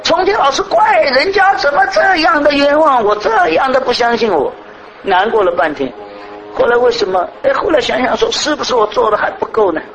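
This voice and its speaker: A man preaching a sermon to a congregation, asking many rhetorical questions and swinging between raised, emphatic phrases and soft, low ones. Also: animated, fairly quick, slight background noise, low-quality recording.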